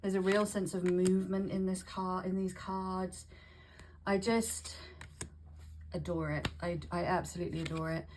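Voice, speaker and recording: A woman vlogger chatting casually to camera, breathy and a little short of breath with hay fever, often restarting and repeating her phrases. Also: lowish voice, level tone, normal speed, noisy background. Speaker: vlogger showing tarot decks.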